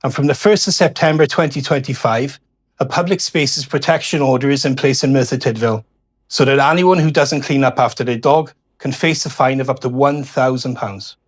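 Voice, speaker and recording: Man, mid-pitched voice, local councillor, scripted public address, formal, measured delivery. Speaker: local councillor, cabinet member.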